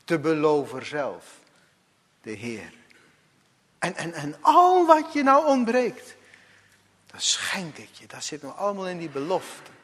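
A man preaching a sermon, emphatic and repetitive, swinging between loud calls and quiet asides. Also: fairly high pitch, wildly swooping pitch, slow, pauses often. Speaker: pastor. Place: church. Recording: church hall reverb.

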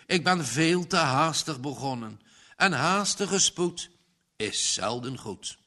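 A man's voice: a little high, expressive, slow, bright, forceful tone, full character voice. A man doing an earnest young son. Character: eager young man, respectful to his father.

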